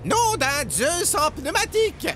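A man's voice: very high voice, sing-song, slow pace, sharp tone, slight background noise, pitched above the performer's own voice, exaggerated voice. A man voicing an eccentric, theatrical old male magician in a children's audio story, fond of grand mock oaths. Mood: pondering.

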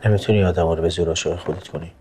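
A cold young man in a TV drama, low-voiced and dismissive, as an actor plays him. He speaks in a curt, firm way. A music score runs underneath. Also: fairly even intonation, close to an everyday voice. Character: cold young man rejecting his cousin. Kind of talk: TV drama acting.

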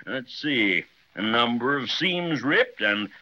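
Hearty old Santa Claus, ringing and animated. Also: male voice, mid-range voice, takes it slowly, dull audio, exaggerated voice. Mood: genial. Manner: hearty, chuckling, grandfatherly. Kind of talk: 1930s radio acting.

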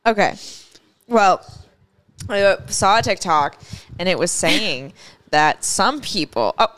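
Animated young woman with hiccups. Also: medium pitch, slow. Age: young adult. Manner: crude, joking, swearing. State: has hiccups. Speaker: podcast co-host. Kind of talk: casual comedic podcast chat.

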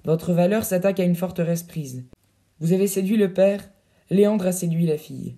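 A sly, mocking valet, as a man voices him in an audiobook. His voice is high but dark and mellow. Every remark is wry. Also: normal speed. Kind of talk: audiobook reading.

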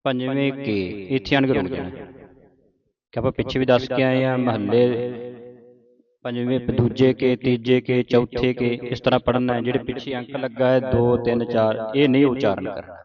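A man teaching scripture pronunciation, chanting verses slowly and stopping to explain where to pause and how each vowel mark sounds. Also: mid-range voice, level tone, lo-fi sound, a crowd in the background. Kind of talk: recitation lesson with line-by-line pronunciation corrections. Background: group of students.

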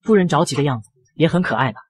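An arrogant demon lord dotes on his wife in tender tones, read by a man. The voice is a bit high for a man and hurried. It sounds dry and close. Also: expressive, slightly rough, no echo. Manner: tender, indulgent.

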